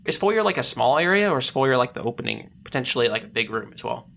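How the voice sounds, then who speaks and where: Bright-voiced tabletop game master. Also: mid-range voice, very animated, creaky, a little hiss or hum. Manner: describes scenes in plain detail, pausing to search for words. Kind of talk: narrating a comedic tabletop game.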